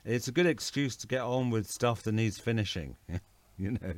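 A man from England, a guest artist, chatting in a relaxed way over a video call and laughing easily. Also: medium pitch, moderate pace, dry recording.

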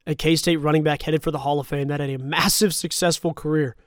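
High-voiced excited sports talk host. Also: male voice, no echo, clean studio sound. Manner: excited and emphatic, quick asides.

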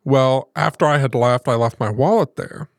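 A man's voice: mid-range voice, normal speed, gravelly, no room sound, studio quality. A man from the American South, a podcast co-host, telling a family story in casual chat and acting out the voices he quotes.

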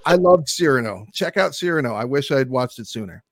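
A man's voice: mid-range voice, animated, a little fast, dry recording, studio quality. A man co-hosting a film podcast, talking casually and enthusiastically with some swearing. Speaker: podcast co-host.

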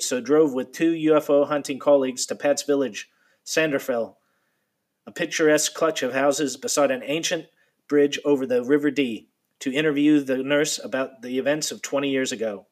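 A man reading a nonfiction account aloud in a steady, measured storytelling manner. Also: mid-range voice. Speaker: narrator.

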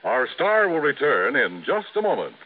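A man works as a radio announcer with animated, swinging pitch. His style is that of 1950s broadcasting. The recording is thin and band-limited, with faint music. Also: normal speed, phone-quality sound.

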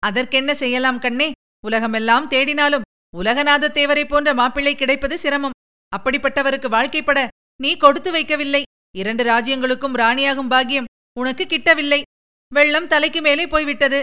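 A woman's voice: high-pitched, fairly even intonation, moderate pace, sharp tone, pitched above the performer's own voice. A woman voicing a protective, fond old nursemaid who talks in a coaxing, gossipy way.

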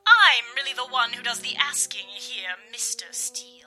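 An actress playing a gloating schoolmistress-like villain in an audio drama, mock-polite, theatrical and condescending. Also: female voice, on the high side, animated, normal speed, sharp tone, soft background music, full character voice. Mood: commanding. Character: gloating, schoolmistress-like female villain running deadly tests.

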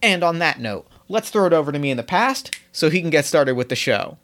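Higher-voiced man hosting a podcast, enthusiastic. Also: very animated, fairly quick, fairly bright tone. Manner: enthusiastic, informal, effusive. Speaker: podcast host. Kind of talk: casual podcast introduction and interview.

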